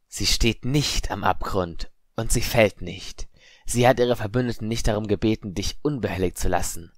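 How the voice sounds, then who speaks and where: A man putting on a cold, menacing voice that speaks from the shadows, hissing each word slowly and deliberately. It sits rather low, recorded close and dry in an audiobook reading. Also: no room sound. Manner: slow, hissing, quietly threatening. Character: eerie unseen whispering voice, cold and menacing.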